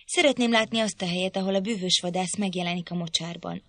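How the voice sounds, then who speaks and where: A woman's voice: lowish voice, fairly bright tone, no echo. A woman reading an audiobook, voicing a spoiled, imperious young girl who talks down to others. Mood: bossy. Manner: imperious, petulant.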